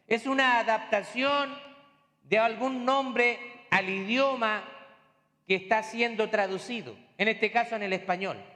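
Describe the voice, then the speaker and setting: A man's voice: very high-pitched, sharp tone, in a large hall. A man preaching a sermon as pastor, explaining in a teaching tone with rhetorical questions and homely asides.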